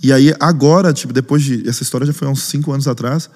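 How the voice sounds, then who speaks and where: Fast-talking man telling a story. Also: mid-range voice, in a large hall. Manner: lively, acts out other people's lines in raised voices. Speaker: guest, pastor and worship leader. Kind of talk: animated storytelling in a podcast interview.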